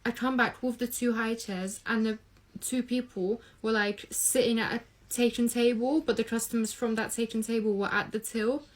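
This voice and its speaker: A woman vents about her shift seating guests at a restaurant. Her voice sits somewhat high. She tells it casually and with exasperation, acting out the back-and-forth lines. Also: fairly even intonation, moderate pace. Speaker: restaurant host. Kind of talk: storytime monologue.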